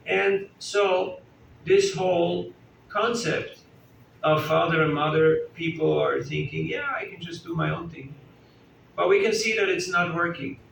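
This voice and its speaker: This man has a highish, gravelly voice with a fairly bright tone. As a spiritual teacher at a festival gathering, he delivers a casual sermon in an indoor hall, often posing questions to listeners and cracking jokes; the far-off mic captures echo and a faint hum of the room.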